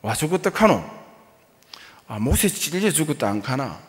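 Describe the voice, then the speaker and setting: A man's voice: a little high, very animated, normal speed. A man voicing gossiping old village grandmothers with a Gyeongsang accent, trading blunt, chatty remarks. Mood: gossipy. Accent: Gyeongsang dialect. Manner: blunt, chatty dialect banter. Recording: long church-hall reverb.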